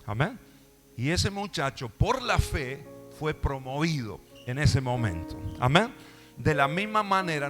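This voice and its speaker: A male pastor with a Rioplatense Spanish accent, preaching a sermon in a church, emphatic, with call-and-response asides and playful acted-out dialogue. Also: a little high. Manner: acts out quoted dialogue, laughing often.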